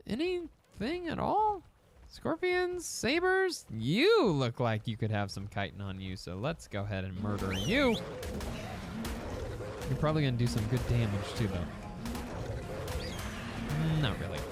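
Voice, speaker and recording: A young, English-speaking gaming YouTuber with a high-sitting voice casually comments on a survival game, rambling to his in-game pets and his viewers. Background noise can be heard in this let's-play.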